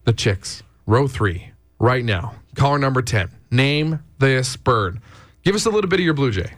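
A Canadian man hosting a radio morning show, upbeat and playfully teasing, with lively contest promo delivery. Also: mid-range voice, moderate pace. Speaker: radio host. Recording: music playing behind the voice. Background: music.

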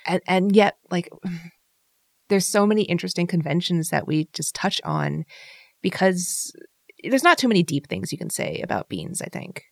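A woman's voice: fairly low pitch, sing-song, normal speed, gravelly, no room sound, studio quality. A woman hosting a podcast, chatting casually and enthusiastically with many fillers and restarts. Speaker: podcast host.

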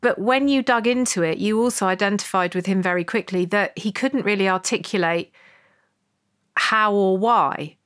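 A woman psychologist on a podcast explaining a case in a thoughtful, measured, earnest way. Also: mid-range voice, a bit bright. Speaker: psychologist co-host. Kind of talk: conversational explanation.

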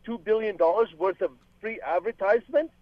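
A man's voice: high voice, fairly quick, no echo. A man from Lebanon calling in to a radio talk show, earnest and talking over the host. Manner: earnest, talks over the host, many restarts. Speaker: caller. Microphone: phone line. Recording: dull phone line.

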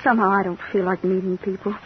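A woman playing a gentle, withdrawn wife in an old radio drama. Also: mid-range voice, steady tone, fast talker, lightly acted. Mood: subdued. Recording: muffled old radio recording, faint hiss.

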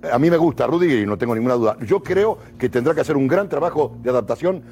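A man's voice: medium pitch, animated, fast, darkish tone. A man giving his opinion as a pundit in a studio sports debate, with many hesitations. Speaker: football pundit.

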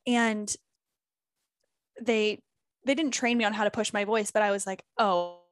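A woman's voice: mid-range voice, steady tone, normal speed, no echo. A woman speaking candidly and emphatically as a guest in a casual interview, swearing freely as she makes her points. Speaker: former group fitness instructor.

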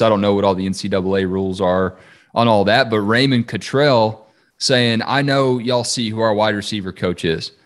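A man with a fairly low voice co-hosts a football podcast. He talks in a loose, chatty, upbeat way, joking as he goes. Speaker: sports podcast co-host. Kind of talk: casual sports talk.

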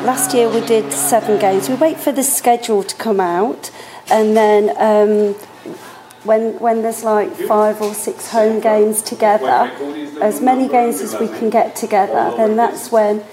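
A woman's voice: mid-range voice, steady tone, a little slow, rough recording. A woman with an English accent talking casually and emphatically as an interviewed fan. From England. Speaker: sports fan being interviewed. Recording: loud crowd around her.

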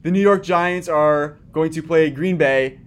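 A man with a slightly high, clean voice co-hosts a sports podcast at a measured pace. He steers the segments in a casual chat full of fillers and restarts.

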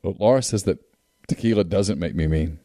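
A man hosts a call-in show in casual conversation. His voice is soft-edged and mellow, with gravelly fry, recorded close and dry. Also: deep voice, fairly quick, dry recording. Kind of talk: casual chat.

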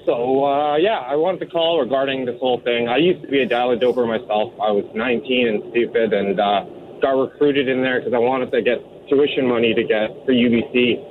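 A man with a mid-pitched voice comes through a narrow, noisy phone line. He talks casually as a radio caller, hesitating and doubling back on words. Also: steady tone, brisk. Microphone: telephone. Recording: tinny phone line with noise.

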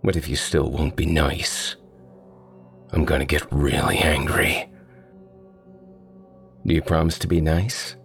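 A man voicing a masked male killer who sounds like an excited child, high-pitched yet gravelly, with a singsong repetitive manner. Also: takes it slowly, pauses often, soft background music, heavily acted. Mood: menacing. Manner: singsong, repeats words.

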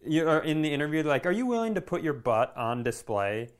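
A comedian co-hosts a podcast, swapping casual banter and telling animated, exaggerated stories full of swearing. His voice is on the high side and a little fast.

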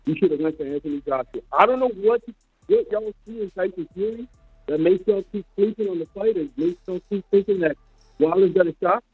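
A man's voice: sits high, a little fast, slightly rough. A man calling in to a sports talk show over a phone line, blunt and insistent as he keeps repeating his point. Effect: heard over a phone line. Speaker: radio show caller. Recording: muffled tinny phone line with faint music.

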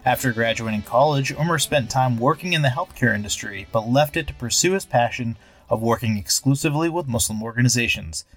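A man hosting a podcast, reading scripted narration in an even, read-aloud way. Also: mid-range voice, brisk, slightly rough. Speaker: podcast host. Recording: voice-over with guitar music behind.

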